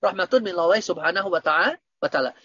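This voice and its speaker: A man's voice: high-pitched, racing, fairly bright tone, slightly rough, no echo. A man teaching Arabic grammar in an online lesson, quizzing his students with repeated questions. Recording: dull, dry lo-fi audio.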